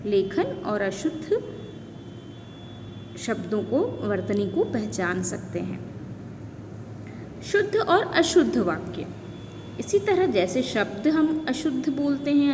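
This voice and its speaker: A woman teacher talks young children through a lesson, with a slow, deliberate pace and a pitch that rises and falls a lot. She keeps checking they follow with little tag questions. Her voice carries a long reverb with faint noise behind it. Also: a little mellow. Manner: addresses young children directly. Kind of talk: slow explanatory classroom lesson.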